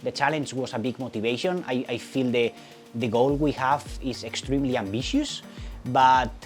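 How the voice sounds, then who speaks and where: Very low-voiced woman, earnest. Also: normal speed, soft background music. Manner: earnest, repeats words when restarting. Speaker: team member. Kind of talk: interview talk.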